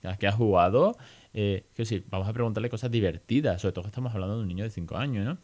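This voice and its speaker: Low-voiced Spanish man chatting on a podcast. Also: very fast. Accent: Spain. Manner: lively, chatty, mixes in English phrases. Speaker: podcast host. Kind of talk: casual podcast monologue.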